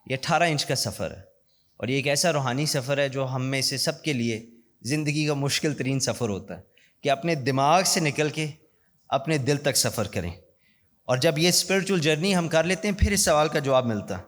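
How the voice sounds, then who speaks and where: A man giving an earnest inspirational speech as a guest speaker at a university, telling a story and slowing down for emphasis. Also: mid-range voice, a bit bright. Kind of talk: inspirational speech mixing in English. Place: large university hall. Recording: long hall reverb.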